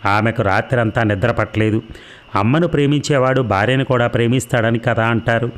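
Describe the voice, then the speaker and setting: A man narrating a novel in a steady storytelling manner. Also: mid-range voice, brisk. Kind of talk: audiobook novel reading.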